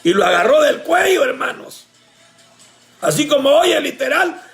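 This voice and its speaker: A man preaching a sermon with fervor, often shouting and calling on his congregation as brothers. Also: very high voice, very animated, normal speed, vocal fry, faint music behind.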